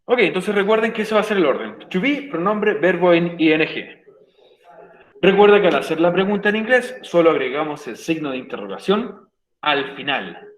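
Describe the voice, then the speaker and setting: Speaking with a Chilean Spanish accent, this man explains an English lesson in a virtual class at a moderate pace. He sounds animated and emphatic, his voice sits high, and he repeats points while asking "ok?". The audio is poor and roomy.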